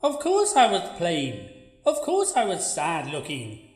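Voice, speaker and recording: A woman's voice: on the low side, wildly swooping pitch, slow, a little mellow, faint music behind, exaggerated voice. A woman voicing the blunt, sulky ghost of a plain young woman, with curt, needling replies in a radio play. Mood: deadpan. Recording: echoey, roomy sound.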